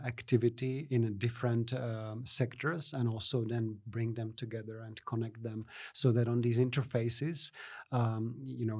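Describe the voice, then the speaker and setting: A middle-aged man from the Czech Republic, a native Czech speaker, answering interview questions in a measured way with many fillers and restarts. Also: mid-range voice, a little mellow, no echo, clean studio sound. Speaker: guest, innovation network CEO. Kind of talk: podcast interview.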